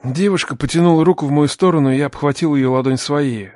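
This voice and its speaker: A man narrating a dramatic story in the first person, tense and urgent, raising his voice for shouted dialogue. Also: fairly high pitch, fast, no room sound, clean studio sound.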